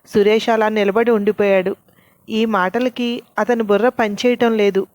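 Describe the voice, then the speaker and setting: A woman narrating a story as a storyteller. She keeps an even delivery and reads all of the characters' lines herself. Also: medium pitch, moderate pace, no echo. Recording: dull, lo-fi and dry.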